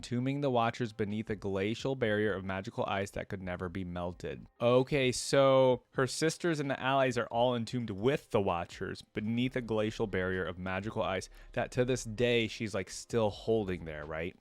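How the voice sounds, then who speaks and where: A man with a lowish voice speaks at a normal pace, barely pausing, with no echo. He hosts a video game lore reaction series, moving between reading text aloud and casual commentary as he thinks out loud.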